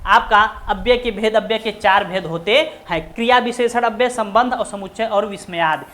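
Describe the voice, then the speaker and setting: Brief: grammar teacher, woman, mid-pitched voice, repetitive question-and-answer delivery. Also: a bit bright. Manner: keeps asking rhetorical questions and answering them herself; slows to stress words one by one. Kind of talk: exam-prep lesson.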